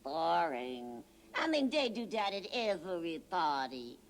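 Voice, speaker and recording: A woman's voice: fairly low pitch, very animated, a little slow, voice pushed down. A woman voicing a cheeky, wisecracking young male horse puppet on a children's show, with a brash, slangy manner. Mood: sassy.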